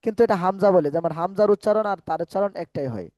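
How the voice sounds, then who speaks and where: Patiently, step by step, a man explains letter sounds and vowel marks in an online Quran class, sometimes chanting phrases in slow, drawn-out recitation. He has a high, mellow voice, and there's no echo.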